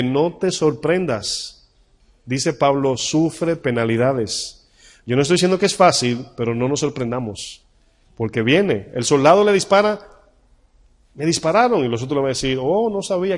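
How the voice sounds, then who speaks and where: A male pastor preaching a sermon, reading Bible verses slowly and emphatically, asking the congregation questions and acting out short dialogues. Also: a little high. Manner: acts out little dialogues in changed voices.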